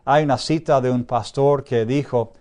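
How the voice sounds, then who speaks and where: A man giving a classroom lecture in an even, middle-range voice. He thinks aloud with long "ah" fillers and keeps checking that his students follow. He slows right down whenever he stresses a key phrase. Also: mid-range voice. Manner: checks in often with a questioning "¿sí?"; frequent drawn-out "ah" fillers while thinking. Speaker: Bible institute teacher.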